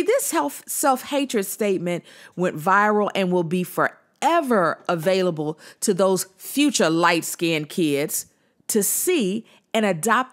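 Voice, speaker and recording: Slow, earnest woman coach. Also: mid-range voice. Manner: earnest, emphatic, repeats and restarts words. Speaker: body liberation coach. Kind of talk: personal commentary to camera.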